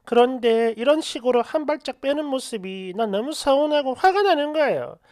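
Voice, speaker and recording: A woman narrating a first-person story in an animated, aggrieved manner, speaking straight to the listener. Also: high-pitched, moderate pace, dry recording, clean studio sound.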